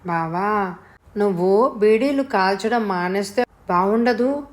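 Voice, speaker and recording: A woman voicing a lively, teasing young village girl with a childlike, pleading way of talking. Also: mid-range voice, takes it slowly, natural voice.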